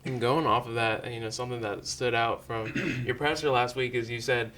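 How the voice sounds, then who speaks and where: A man's voice: mid-range voice, fairly even intonation, normal speed, bright, forceful tone, a little hiss or hum. A man asking casual, conversational questions as a sports interviewer.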